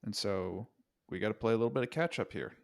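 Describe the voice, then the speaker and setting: Male podcast co-host, low-pitched, easygoing and opinionated. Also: fast talker, vocal fry. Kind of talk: casual sports podcast chat.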